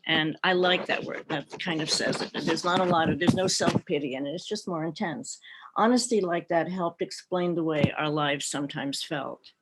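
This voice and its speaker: A woman's voice: sits low, normal speed, few pauses, background noise. Middle-aged woman, panelist on a video call, reflective storyteller with easy light laughter. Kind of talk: personal talk at an online panel.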